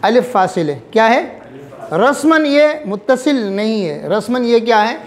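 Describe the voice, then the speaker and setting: A man teaching a recitation class, drilling his students with repeated check questions and reciting examples slowly, letter by letter. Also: sits high, animated. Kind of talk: classroom lesson.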